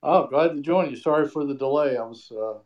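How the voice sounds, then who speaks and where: A man calling in over the phone as a guest sports reporter, telling a story in a relaxed, rambling way. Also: mid-range voice, a little fast. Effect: heard over the phone. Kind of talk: phone-in interview. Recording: dull phone-line sound.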